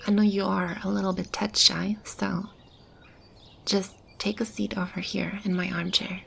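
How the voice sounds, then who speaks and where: A woman voices a gentle demon guardian sheltering a lost child in a soft-spoken ASMR roleplay, sounding slow, creaky, warm and confiding. Her mid-range voice has little pitch movement and slips into whispers, offering soothing reassurance over ambient sound effects and slight background noise.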